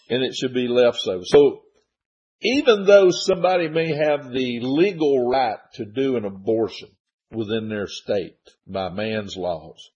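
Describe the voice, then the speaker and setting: A man teaching a Bible study, reading verses aloud and explaining them in a loose, halting way with frequent fillers. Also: mid-range voice, a little mellow, husky. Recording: dull lo-fi recording.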